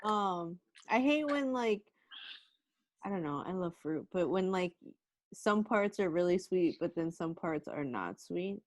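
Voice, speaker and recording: A woman's voice: on the low side, expressive, measured pace. A woman co-hosting a podcast, chatting casually and teasing the others with sarcastic jokes. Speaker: podcast co-host. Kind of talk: casual chat.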